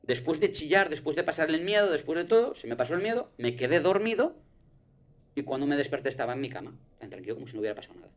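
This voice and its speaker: A man's voice: fairly high pitch, big pitch swings, quick pace. A man, telling a personal story in casual conversation, swearing and restarting often.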